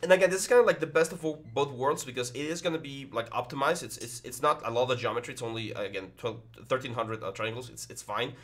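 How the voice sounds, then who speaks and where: A man's voice: medium pitch, fast talker, hardly any pauses, a bit bright. A young man with a headset teaching 3D modeling over a screen recording, thinking aloud with lots of fillers and restarts. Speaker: 3D modeling instructor. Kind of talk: screen-recorded software tutorial.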